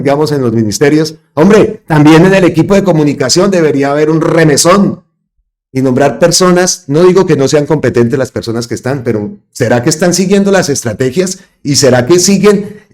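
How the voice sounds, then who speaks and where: With a fairly high, slightly mellow voice, this Colombian host of a political channel delivers his commentary with force, repeating phrases to drive points home.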